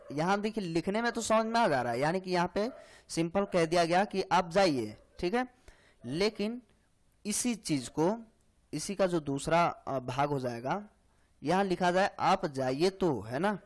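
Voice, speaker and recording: A man teaching grammar for exam preparation, explaining slowly and checking in often with "hai na" and "theek hai". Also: sits high, a little hiss or hum. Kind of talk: exam-prep lecture.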